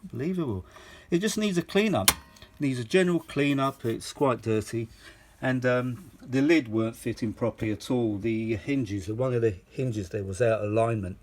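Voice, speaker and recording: Against slight background noise, a middle-aged or older man speaks at normal speed in a medium pitch. An enthusiast of vintage audio, he shows off a machine in unscripted chat, rambling, exclaiming and stressing points by repeating them.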